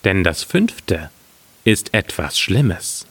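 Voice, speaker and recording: A man's voice: deep voice, big pitch swings, very slow, breathy edge, dry recording, full character voice. A man reading a fairy tale aloud, voicing a sly, cunning poor peasant in a slightly raised voice.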